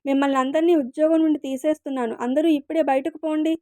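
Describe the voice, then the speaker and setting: Lady doing an old man yelling at his staff, mellow voice, close and dry. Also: high voice, fairly even intonation, fast talker, no room sound, close to an everyday voice. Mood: angry. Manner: angry, complaining. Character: old neglected father, angry then resigned.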